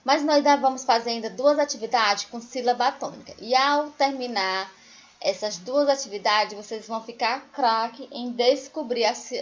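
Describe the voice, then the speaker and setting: Singing sample words slowly and explaining with patience, a woman teaches young kids in a prerecorded distance lesson. Her pitch is on the high side, and the recording has its high frequencies cut off.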